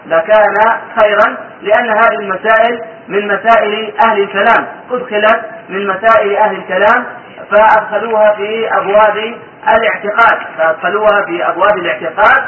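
Male teacher, high voice, hesitant and repetitive, quizzing students mid-lesson; distant, roomy, tinny recording. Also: steady tone, a little hiss or hum. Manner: repeats phrases and asks rhetorical questions of the students; hesitant, with frequent drawn-out fillers. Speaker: sheikh teaching a religious text. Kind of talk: classroom lesson explaining a classical text.

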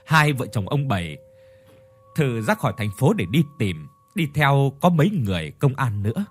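A man narrating a horror story in a dramatic, expressive way. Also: medium pitch, moderate pace, breathy edge, faint music behind.

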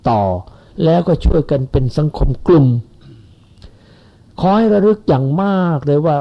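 A man's voice: on the high side, lively intonation, measured pace, gravelly. A man in his seventies giving a rambling, folksy Buddhist sermon to followers. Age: 70s. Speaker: Buddhist teacher. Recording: lo-fi dull recording.

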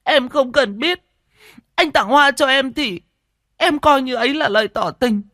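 A man's voice: very high-pitched, a little slow, sharp tone, dry recording, clean studio sound, voice pushed up, full character voice. A man voicing a hot-tempered, jealous young woman who stammers and shrieks when upset. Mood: hurt, furious.

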